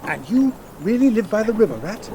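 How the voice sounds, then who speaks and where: An actor playing a naive, wondering little mole in a storybook radio play. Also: male voice, high-pitched, very animated, fairly quick. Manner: wondering, eager. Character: naive, wide-eyed, timid little mole. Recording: noisy old radio broadcast tape.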